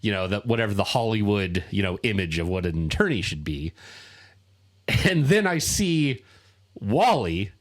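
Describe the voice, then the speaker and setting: A man co-hosting a casual podcast chat, talking haltingly with many fillers and restarts. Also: on the low side, sing-song. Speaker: podcast co-host.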